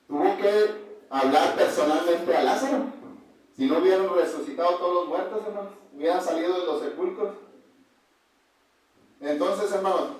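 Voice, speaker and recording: A male preacher giving a conversational sermon, who keeps asking the congregation questions and addressing them as brothers. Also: high-pitched. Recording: very echoey room heard from a distance.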